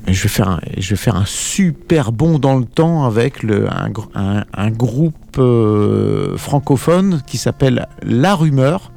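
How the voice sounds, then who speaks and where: A man presenting a relaxed, conversational radio music segment as columnist. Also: medium pitch, a little slow, vocal fry, hardly any pauses, slight background noise. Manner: relaxed, conversational, ends phrases with tag words. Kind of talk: radio music segment, casual studio chat.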